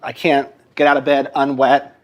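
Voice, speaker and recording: A man's voice: medium pitch, monotone, normal speed. A man in casual chat, talking with quirky candor.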